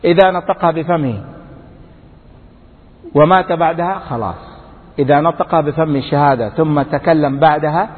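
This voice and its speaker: A man preaching a fervent sermon to a large crowd, his voice climbing to high, emphatic peaks. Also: moderate pace, pauses often. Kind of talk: impassioned sermon. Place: large lecture hall before a crowd. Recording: tinny phone-like sound with long hall reverb.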